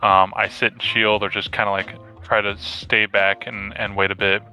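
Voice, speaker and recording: A man's voice: lowish voice, little pitch movement, normal speed, pushed and bright, faint music behind, poor audio. A man on a voice chat that briefly cuts out, talking hesitantly with many fillers and restarts as the player being coached. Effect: voice chat audio that briefly cuts out.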